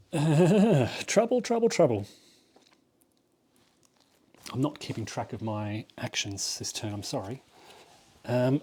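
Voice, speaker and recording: A man talks himself through a solo board game, counting spaces and mulling over every move in an average-pitched, slightly mellow voice with a breathy edge. The delivery stays loose and conversational, full of ums and minor self-corrections.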